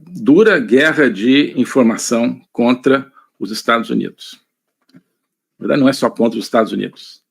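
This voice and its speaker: Brazilian guy lecturing live online, low gravelly husky voice, lots of ums. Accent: Brazilian Portuguese. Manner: measured, thinking aloud with many fillers. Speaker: lecturer on politics. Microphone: computer mic, screen sharing.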